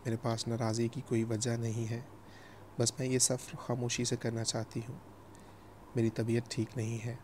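A man's voice: medium pitch, little pitch movement, darkish tone, a little hiss or hum, close to an everyday voice. A man voicing a cold, bitter young wife who talks curtly and icily.

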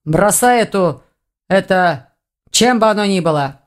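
A woman's voice: mid-range voice, lively intonation, a little slow, close to an everyday voice. A woman voicing an impatient, sarcastic male mage in an audiobook. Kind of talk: audiobook reading.

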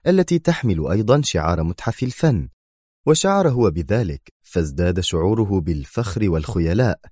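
Man, audiobook narrator, fairly low voice, very lively intonation, dry close sound. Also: husky, no room sound. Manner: expressive storytelling. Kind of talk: scripted narration.

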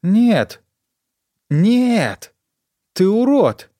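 A man's voice: expressive, moderate pace, darkish tone, dry recording, clean studio sound, close to an everyday voice. A man voicing an erratic, stoned young woman in an audiobook, rambling and repeating herself. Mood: screaming. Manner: shrill outbursts, rambling repetition. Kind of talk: audiobook character voice.

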